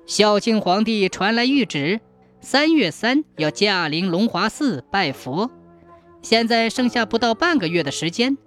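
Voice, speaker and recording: A storyteller narrating a folk tale in a dramatic, expressive manner. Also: medium pitch, measured pace, faint music behind.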